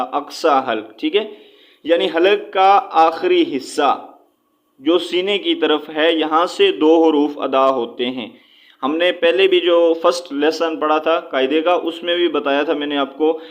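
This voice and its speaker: A man teaching a spoken recitation lesson. He repeats each point, checks in often with "okay", and slows right down to sound out letters. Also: fairly high pitch, lo-fi sound.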